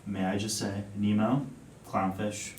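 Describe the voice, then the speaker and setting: A young man playing a prospective client in an improvised role-play conversation, speaking in a deliberate, playfully emphatic way. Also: flat delivery. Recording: echoey room, distant mic, faint rumbling noise.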